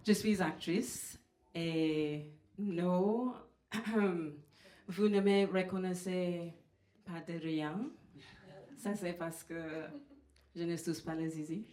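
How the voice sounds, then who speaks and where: A woman from Trinidad and Tobago with a Trinidadian accent, performing stand-up comedy in a halting way with many fillers. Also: fairly low pitch, steady tone, warm tone. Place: comedy venue. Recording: roomy live venue sound.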